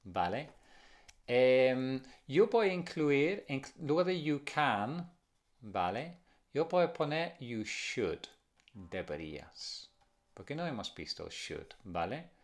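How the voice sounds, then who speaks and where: Native Spanish-speaking male teacher, slow, patient, very lively intonation, repeats drills. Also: medium pitch. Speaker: English teacher. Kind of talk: bilingual language lesson to camera.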